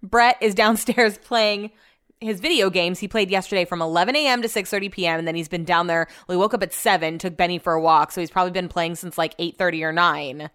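A woman's voice: lowish voice, fast talker, a bit bright, smooth. A woman in her thirties talking casually in a vlog, rambling and chatty, swearing freely. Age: 30s. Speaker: vlogger.

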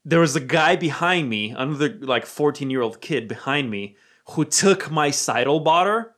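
With lively intonation and a slightly bright sound, a young American-accented man from Romania shares a personal anecdote at normal speed in relaxed conversation. He swears freely, talks with real animation, and lowers his voice to a murmur to quote his own inner thoughts.

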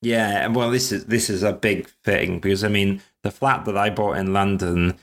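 A man's voice: lowish voice, fairly even intonation, moderate pace, fairly bright tone. A man from Wales hosting a podcast, chatting in a rambling, self-deprecating way. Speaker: podcast host. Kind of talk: casual chat.

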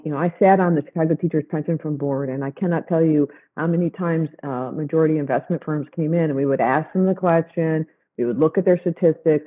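Higher-pitched man on a phone-like line. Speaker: panelist. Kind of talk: unscripted panel remarks.

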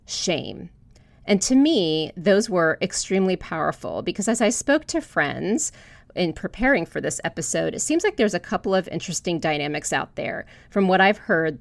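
In a podcast interview, a woman host from Florida shares a personal story with real earnestness, then asks her guest a question. Her lowish voice carries vocal fry, and there's no room sound at all.

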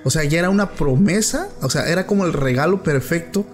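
A man's voice: a little high, lively intonation, a little fast, soft background music. A man with a Mexican accent hosting a podcast, reacting with emphatic agreement in casual chat. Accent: Mexican Spanish. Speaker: podcast host.

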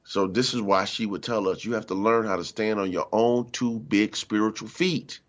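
A middle-aged man with a very low voice delivers a spiritual teaching in a loose, conversational way, leaning hard on the points he wants to land. He slips into other people's voices when quoting them. The recording sounds a little dull, like a radio broadcast. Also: fairly even intonation, normal speed. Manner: conversational, emphatic, acts out quoted voices. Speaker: minister.

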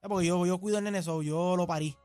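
A quick, high-voiced young man, talking as a guest on the radio. He is playful and jokes as he speaks, and faint music plays underneath. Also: fairly even intonation, darkish tone, dry recording. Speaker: salsa singer guest. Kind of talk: casual radio interview.

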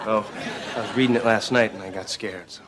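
An actor voicing a laid-back young man in a sitcom scene, defending a scary book with jokey emphasis. The voice sits low. Steady background noise runs under the clip. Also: a little fast, natural voice. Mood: sheepish. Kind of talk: sitcom acting.

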